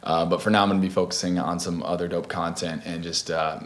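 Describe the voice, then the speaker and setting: A man's voice: deep voice, little pitch movement, fast talker. A young man hosting a casual video tutorial, laid-back and chatty with lots of fillers and restarts. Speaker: beatbox tutorial host.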